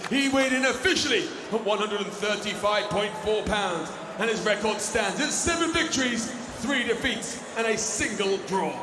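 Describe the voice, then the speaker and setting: A man working as a fight ring announcer, projecting formal introductions with long drawn-out names. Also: high voice, lively intonation. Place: large indoor fight arena. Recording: echoey noisy arena PA sound.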